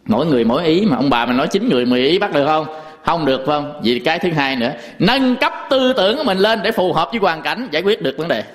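Male Buddhist preacher, somewhat higher pitch, folksy storyteller. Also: sing-song, racing, in a large hall. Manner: folksy, rhetorical questions, storytelling. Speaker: Buddhist monk teacher. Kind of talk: dharma talk.

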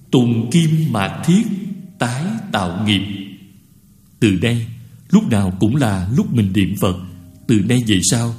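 A man giving a Buddhist dharma talk to a retreat, earnest and admonishing, slowly chanting short verses. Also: lowish voice, darkish tone. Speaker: Buddhist teacher.

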